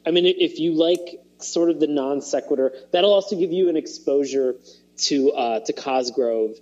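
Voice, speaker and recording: A man's voice: on the high side, normal speed, a little mellow, muffled recording. A man on a podcast chatting casually, rambling with many fillers and restarts and laughing as he retells scenes. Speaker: podcast co-host. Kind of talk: casual chat.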